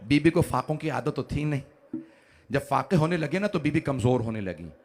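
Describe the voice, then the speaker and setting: Male cleric, mourning sermon, somewhat high voice, hushed then wailing and shouting, faint background hiss. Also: expressive, moderate pace. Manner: rises from hushed storytelling to wailing, shouted lament. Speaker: Shia cleric reciting a majlis.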